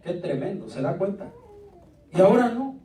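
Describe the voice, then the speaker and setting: High-voiced pastor preaching in an echoey church. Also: male voice, moderate pace. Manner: lively, joking, calls out to the congregation. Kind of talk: sermon. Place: church sanctuary. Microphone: distant from the mic. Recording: echoey church recorded from a distance.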